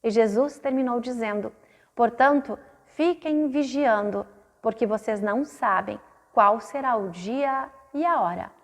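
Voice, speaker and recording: A woman reading a Bible passage aloud in a measured, expressive way during a church service. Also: fairly high pitch. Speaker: scripture reader. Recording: long reverb of a church hall.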